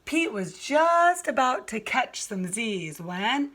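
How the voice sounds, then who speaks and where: Bright-voiced woman reading slowly to children. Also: fairly high pitch, big pitch swings. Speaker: kindergarten teacher reading aloud. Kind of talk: children's storybook narration.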